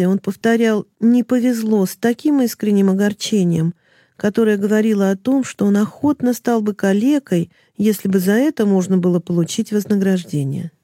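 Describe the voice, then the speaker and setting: A woman narrating a classic story in the first person in an even, measured reading voice. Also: mid-range voice, no room sound, clean studio sound.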